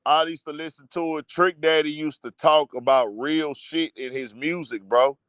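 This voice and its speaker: Heated, profane, and blunt, the host of a casual livestream commentary show rants at a moderate pace in a steady tone. His voice sits high and sounds smooth, clear, and a bit bright, recorded close on a dry mic without any echo or room sound.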